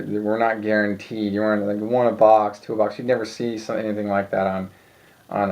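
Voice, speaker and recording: Gravelly low-voiced card collector, tired. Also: male voice. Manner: relaxed, rambling, with frequent ums and restarts. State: tired, yawning late at night. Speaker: sports card collector showing his cards. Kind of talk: casual solo video. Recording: dull lo-fi home recording.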